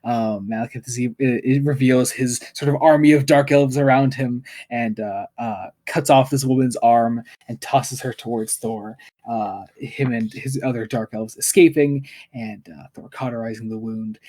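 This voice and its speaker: A man's voice: medium pitch, steady tone, moderate pace, hardly any pauses, a little mellow. A man co-hosting a casual podcast, recapping a comic with many fillers and restarts and frequent laughter. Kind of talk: casual chat.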